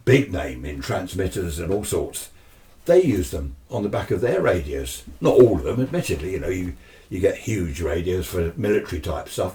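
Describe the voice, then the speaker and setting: A British man with a deep, dark-toned voice presents an amateur radio video, explaining things casually and chattily. He often poses questions to himself and answers them, and the microphone sounds slightly distant.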